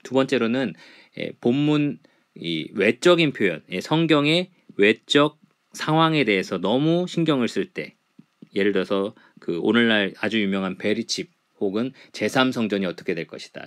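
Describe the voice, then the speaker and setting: A man's voice: on the low side, lively intonation, normal speed. A middle-aged man lecturing a church Bible class, explaining point by point with frequent fillers. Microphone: writes on a board while teaching.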